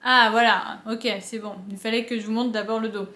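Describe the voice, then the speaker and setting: A woman's voice: a little high, steady tone, fairly quick, bright, forceful tone, roomy sound. A young woman chatting casually in a vlog from her couch at home, with lots of fillers and restarts. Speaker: book vlogger. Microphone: camera on a tripod.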